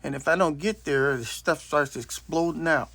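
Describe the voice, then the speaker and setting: A man's voice: fairly high pitch, normal speed, gravelly, a bit bright, no echo. A man in his late sixties telling a rambling, blunt story as a casual monologue into his phone. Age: 60s. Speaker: vlogger. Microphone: self-recorded on a phone.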